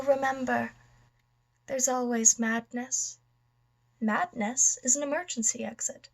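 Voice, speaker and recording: A mad, mocking villain, acted out by a woman in a stage-style monologue. The voice sits fairly high and moves theatrically between drawn-out words and hushed, bitter confidences. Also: low-quality recording. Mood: brooding, sinister.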